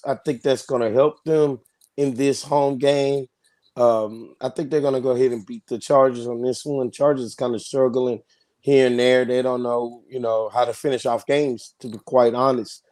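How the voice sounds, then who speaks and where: A man with a mid-pitched voice in a relaxed sports show. He talks easily, with fillers, and slips in jokes about the teams. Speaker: podcast co-host called Coach. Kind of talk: casual sports chat.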